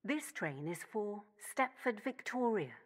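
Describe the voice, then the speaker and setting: A woman giving automated onboard train announcements made of spliced-together recorded words. Her delivery is steady and formal, with abrupt pitch jumps on station names. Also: unhurried. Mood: announcing.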